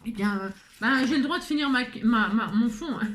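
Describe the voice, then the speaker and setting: Hosting a casual card-making video, a French-accented woman speaks with a fairly high, expressive, slightly bright voice at a fairly quick clip. She chats as she works, thinking aloud with plenty of fillers and poking fun at herself.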